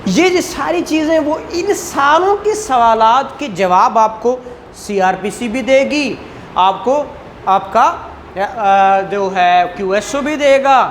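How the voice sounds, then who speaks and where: A woman with a Pakistani accent delivers an explanatory law lecture in class, blending Urdu and English legal terms and often using short tag questions to check that students follow. Her voice is fairly high and expressive, and she takes it slowly; the room recording is clearly noisy.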